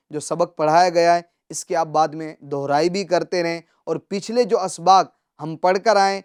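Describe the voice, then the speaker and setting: A Quran teacher on a televised reading lesson who recites words slowly and drawn out, then explains briskly, asking questions and answering them. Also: medium pitch, smooth.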